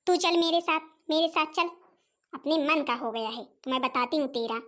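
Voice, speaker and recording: A woman's voice: high voice, normal speed, a bit bright. A woman voicing a stern, stingy middle-aged mother-in-law in a cartoon, scolding harshly. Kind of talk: cartoon voice acting.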